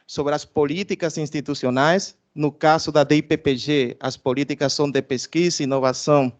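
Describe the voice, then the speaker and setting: Delivering a formal institutional presentation, a Cuban research director with a Cuban Spanish accent hesitates frequently, using filler sounds and restarting sentences. He speaks at a moderate pace in a fairly high voice with fairly even intonation.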